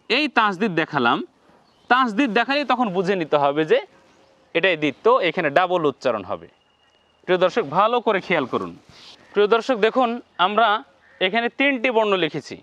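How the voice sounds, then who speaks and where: High-voiced man teaching letter sounds. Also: fairly bright tone, no room sound, lo-fi sound. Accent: Bangladeshi Bengali. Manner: repeats each sound and addresses viewers directly. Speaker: Quran teacher. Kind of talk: slow step-by-step lesson.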